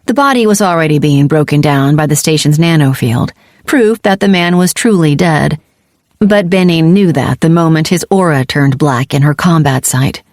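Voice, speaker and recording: A woman narrating a science-fiction audiobook in a steady, even storytelling manner. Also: low-pitched, normal speed, dry recording, clean studio sound. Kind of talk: scripted narration.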